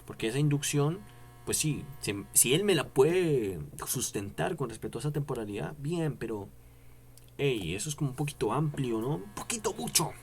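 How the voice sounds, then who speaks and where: A man's voice: mid-range voice, lively intonation, moderate pace, darkish tone, a little hiss or hum. A man giving a casual, rambling philosophy lesson to camera, asking many tag questions and repeating "no" for emphasis. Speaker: philosophy YouTuber. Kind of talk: casual explanatory lecture to camera.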